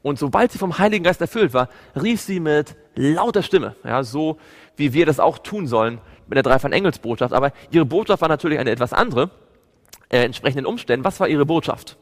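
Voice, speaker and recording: A man's voice: on the high side, a little fast. German-speaking preacher man in a reverberant hall. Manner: asks the audience questions, animated storytelling. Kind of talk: Bible study sermon.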